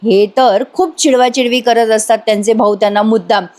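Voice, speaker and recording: A woman's voice: on the high side, steady tone, fairly quick, a little mellow. A woman giving a casual voice-over retelling of a TV serial episode, talking straight to the viewers. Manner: chatty, addresses viewers directly. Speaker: serial review voice-over narrator.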